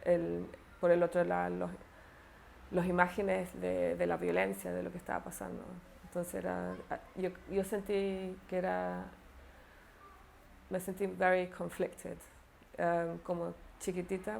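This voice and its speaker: In a documentary interview, a woman hesitantly recalls her childhood in Spanish, slipping in English phrases and using frequent fillers. Her voice is fairly low and gravelly, with a little hiss or hum on the recording.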